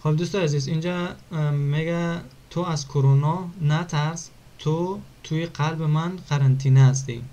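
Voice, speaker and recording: A man teaching an online language lesson, repeating words slowly and clearly for pronunciation. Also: on the high side, fairly even intonation, mellow.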